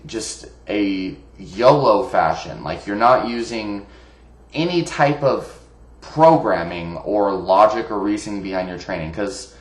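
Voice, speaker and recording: A man talking casually about fitness in a rambling way, with many fillers and restarts. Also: lowish voice. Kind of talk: casual monologue. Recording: echoey room.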